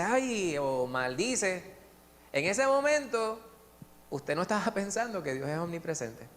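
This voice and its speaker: A man with a Puerto Rican accent leading a church Bible study, lively and joking, asking the group questions. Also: on the high side. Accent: Puerto Rican Spanish. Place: church meeting room. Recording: faint hum in a long-reverb hall.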